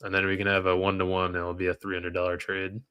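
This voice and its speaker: Guy on a trading livestream, lowish bright voice, grumbles at the chart and reads chat. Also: completely flat delivery, quick pace, clear, resonant tone. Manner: frustrated, talks to chat while reading comments. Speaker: livestream trader. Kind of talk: live trading stream chat.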